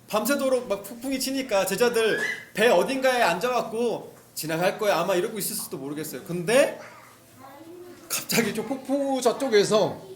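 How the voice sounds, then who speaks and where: A male pastor delivers a relaxed, conversational sermon, telling the story vividly and acting out the characters' cries. His voice sits high and swings widely in pitch. He keeps turning to the congregation with questions.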